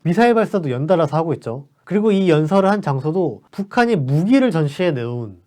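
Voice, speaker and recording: A man's voice: a little high, very animated, fast, darkish tone. A man giving persuasive explanatory commentary, asking rhetorical questions as he talks. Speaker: political commentator.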